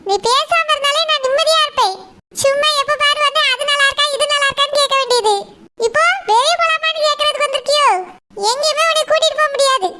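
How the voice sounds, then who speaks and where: A short-tempered young cartoon husband who snaps and scolds, voiced by an actor in a very high register. Quick, dismissive delivery over loud background hiss. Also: steady tone. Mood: scornful. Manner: curt, scolding. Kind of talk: cartoon voice acting.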